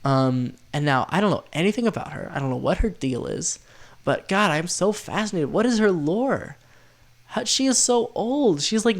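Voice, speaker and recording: A man with a nasal, stuffed-up voice from being sick, chatting casually through a tier list in a rambling, excitable way. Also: mid-range voice. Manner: rambling, filler-heavy, easily excited. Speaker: video host.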